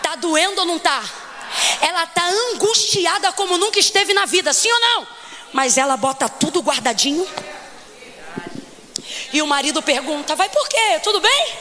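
A woman preacher from Rio de Janeiro, giving an emphatic sermon that keeps questioning the congregation and rises to shouts. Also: very high voice, expressive, normal speed, long pauses, slight background noise. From Rio de Janeiro, Brazil. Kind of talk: Pentecostal sermon.

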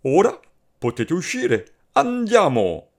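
A man voicing a friendly, confident female swallow in a storybook tale, coaxing and lively. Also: fairly high pitch, takes it slowly, voice pushed up, heavily acted. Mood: encouraging.

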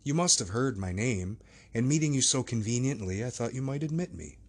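A man's voice: medium pitch, animated, brisk, voice pushed up. A man voicing a perplexed, earnest older lawyer in a storybook reading, speaking in a raised, emphatic voice.

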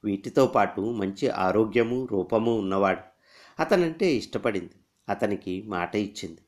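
A man with a low voice narrating a short story. His reading is measured and expressive, with the calm pace of storybook narration.

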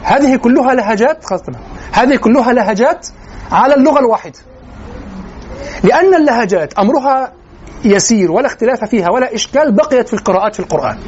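A man's voice: extremely high pitch, a little mellow. A man with an Egyptian accent giving a classroom lecture, moving between colloquial and formal Arabic and checking in with his students as he explains. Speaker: lecturer in Quranic sciences. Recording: dull lo-fi room recording with faint noise.

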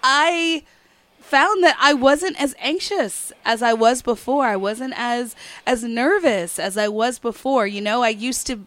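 A woman's voice: on the high side, a little slow, fairly bright tone, dry recording. A woman in casual podcast chat, talking openly and reflectively and laughing often.

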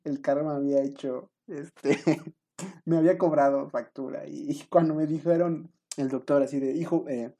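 A man's voice: fairly high pitch, steady tone, moderate pace, dark tone. A young man with a Mexican accent telling a rambling, self-mocking story to his viewers, full of fillers. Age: young adult. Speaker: vlogger.

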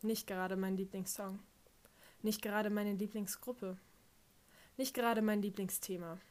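A woman's voice: mid-range voice, fairly even intonation, unhurried, darkish tone. A woman reading a first-person audiobook narration with a dry, wry delivery.

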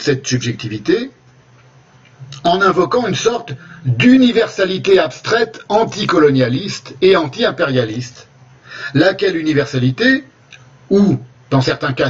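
Man, lecturer, husky voice, deliberate delivery, frequent restarts, dull lo-fi recording. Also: on the high side, recorded from a distance. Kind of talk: spoken lecture with slides.

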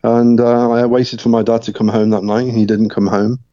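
A middle-aged man from Scotland, speaking as an interview guest and telling his life story in a reflective, measured way with frequent restarts. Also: mid-range voice, flat delivery, dark tone, no room sound, dull audio.

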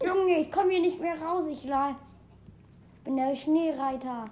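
A woman giving casual, excitable gaming commentary, rambling through fun facts with many restarts. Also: high voice, measured pace, a little hiss or hum. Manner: excitable, keeps exclaiming "Junge". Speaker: let's play host.

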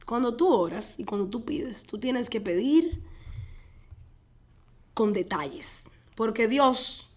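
A young adult woman, a guest, telling a personal story in an animated way, laughing often and acting out her own quotes. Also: on the high side, slow, long pauses.

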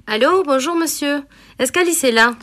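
A woman's voice: sits high, moderate pace, fairly bright tone. A woman voicing a friendly young woman phoning a friend to invite her out, in a recorded course dialogue.

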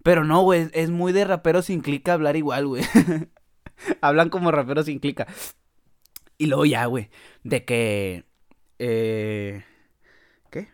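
A man's voice: a little high, measured pace, long pauses, clear, resonant tone. A man with a Mexican accent, hosting a podcast and telling a story in casual comic style, full of crude slang and frequent laughter. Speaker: podcast host.

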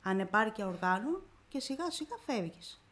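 A woman's voice: medium pitch, very animated, a bit bright. A woman guest on a radio interview, vividly retelling her own story and acting out the dialogue in it. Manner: vivid retelling, acting out quoted dialogue with constant "I say, she says". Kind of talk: emotional personal storytelling on radio.

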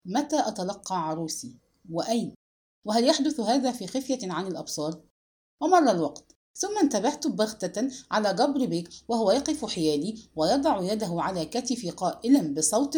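A woman narrating a novel aloud in an expressive, dramatic audiobook reading. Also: mid-range voice, fairly quick.

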